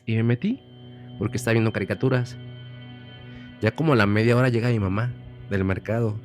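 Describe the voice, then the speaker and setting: A man's voice: lowish voice, brisk, faint music behind. Mexican man telling a story casually. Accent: Mexican Spanish. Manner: chatty, repeats phrases while recalling.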